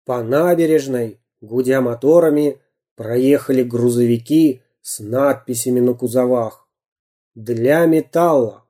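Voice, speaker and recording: A narrator reading a children's storybook aloud in a slow, even manner. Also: mid-range voice.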